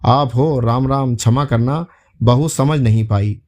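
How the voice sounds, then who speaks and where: A bossy old mother-in-law from a spoken folk tale, scolding and dismissive, read by a male storyteller. Her voice is soft and mellow, close to plain narration. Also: medium pitch, unhurried, lightly acted.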